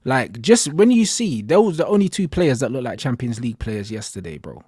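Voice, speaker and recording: A man's voice: mid-range voice, very animated, fairly quick, darkish tone, slightly rough, no room sound, clean studio sound. A man with a London roadman accent, ranting casually about football in emphatic, repetitive street slang. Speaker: football fan pundit.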